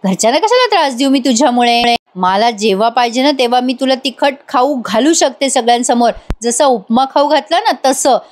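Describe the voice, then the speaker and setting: A woman voicing a calm, cutting young wife who brushes off her husband, in a drama recap. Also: sits high, a little fast, hardly any pauses. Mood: cool cutting.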